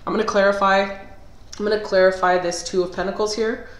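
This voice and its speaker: Speaking briskly at a medium pitch with flat delivery, this woman does a relaxed tarot reading while sounding a bit nasal and unwell. She clears her throat and muses aloud, full of fillers and false starts. The audio is poor, with a roomy sound.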